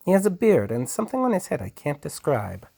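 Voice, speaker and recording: A calm, dry-witted spy in a storybook reading, played by a man, answering in flat, unbothered tones. The voice is husky with a gravelly edge. It is recorded close and dry. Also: fairly high pitch, a little fast, no echo, voice pushed up, full character voice. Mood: deadpan.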